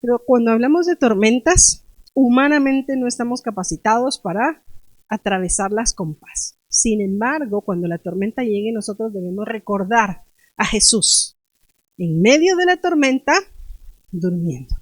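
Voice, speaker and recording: A woman's voice: fairly high pitch, animated, moderate pace, no room sound. A woman preaching a sermon in a conversational way, asking the congregation questions and acting out frightened cries. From Guatemala. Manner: dramatic, acts out frightened cries.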